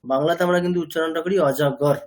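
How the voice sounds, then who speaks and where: A man's voice: fairly high pitch, moderate pace, darkish tone. A man teaching a language class, explaining patiently, quizzing his students with questions, and mixing English words into his talk. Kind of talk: classroom lecture.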